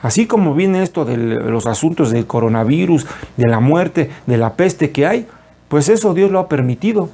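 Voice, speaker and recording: A man's voice: on the high side, expressive, normal speed, dark tone. Earnest man preaching. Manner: earnest, explanatory, lists words. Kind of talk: sermon teaching.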